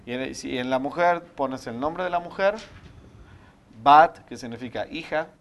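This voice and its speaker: A man's voice: mid-range voice, measured pace. A man teaching a spiritual meditation class, explaining step by step and often checking with the students.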